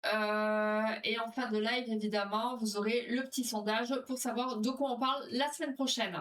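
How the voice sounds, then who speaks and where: Her tone is steady and fairly bright, on the high side, at normal speed. The French woman chats casually on her live stream, reading out viewer comments and quiz questions in a rambling way, while music plays behind a distant mic and slight noise lingers.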